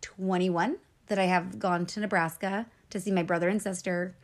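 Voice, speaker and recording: A woman's voice: on the low side, fairly even intonation, normal speed. A woman in her thirties co-hosting a podcast, telling candid stories in casual chat. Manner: chatty, candid storytelling with fillers. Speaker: podcast co-host.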